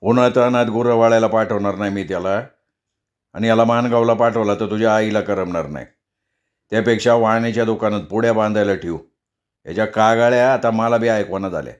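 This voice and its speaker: A man voicing a calm, firm village father in a storybook reading. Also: lowish voice, fairly quick, lightly acted. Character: stern elderly village father.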